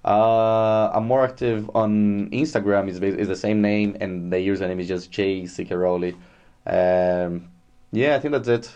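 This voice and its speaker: Man from Brazil, guest on a podcast, easygoing chat, low pitch, muffled lo-fi sound. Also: a little slow, clear, resonant tone. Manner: relaxed, chatty, many fillers. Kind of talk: casual interview. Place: Dublin.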